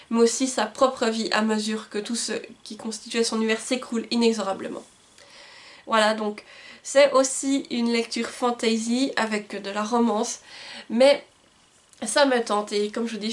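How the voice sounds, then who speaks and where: A woman vlogging about books, reading back-cover summaries aloud and chatting about her purchases, sometimes tripping over words. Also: on the high side. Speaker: book vlogger. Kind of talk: casual book haul chat with read-aloud summaries. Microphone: camcorder.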